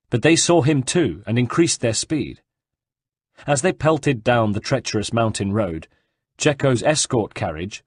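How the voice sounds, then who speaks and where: Guy reading an audiobook, steady and husky, dry close sound. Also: medium pitch, no room sound. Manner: steady storytelling delivery. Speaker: audiobook narrator. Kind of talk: scripted narration.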